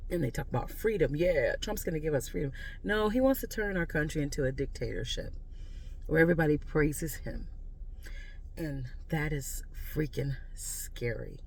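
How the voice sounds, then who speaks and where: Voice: medium pitch, expressive, moderate pace, creaky. Blunt American vlogger over background noise. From United States. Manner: blunt, exasperated, emphatic. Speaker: video creator giving political commentary. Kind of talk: casual unscripted political rant.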